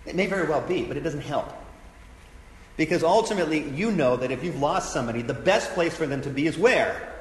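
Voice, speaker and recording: A man's voice: a little high, animated, brisk. A man, a pastor, teaching a sermon in an earnest, conversational way, repeating his key phrases. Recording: echoey hall with faint background noise.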